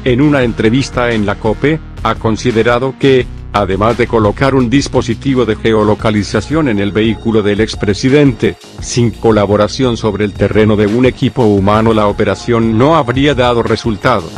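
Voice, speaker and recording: A man's voice: lowish voice, normal speed. Man reading news over faint music. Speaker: news reader. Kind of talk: scripted news narration.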